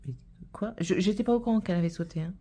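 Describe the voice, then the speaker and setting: A woman's voice: medium pitch, fast talker, mellow. A woman in her thirties chatting casually while stitching, telling a rambling story full of fillers. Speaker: vlogger.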